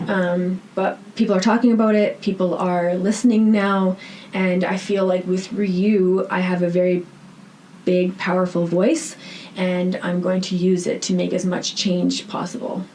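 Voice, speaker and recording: This podcast guest, founder of a rehab centre, speaks with a Canadian accent, answering questions conversationally and with earnest emphasis while frequently adding "right?" to confirm her points. Her pitch sits on the low side with little movement, and her pace is measured and her tone dark. Background noise is noticeable and the audio quality is poor.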